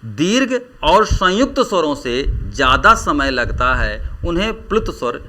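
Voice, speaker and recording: A man teaching Hindi grammar in a lecture, drawing out vowels slowly as he demonstrates them. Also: on the high side, very animated, pushed and bright. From India. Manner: slow, drawn-out vowel demonstrations. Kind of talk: classroom lecture.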